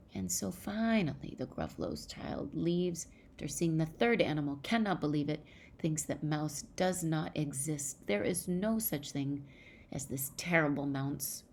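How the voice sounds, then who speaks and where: A woman teacher retelling a picture book for young children, speaking slowly and deliberately, sometimes dropping to a whisper. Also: low-pitched, vocal fry, a little mellow, a little hiss or hum.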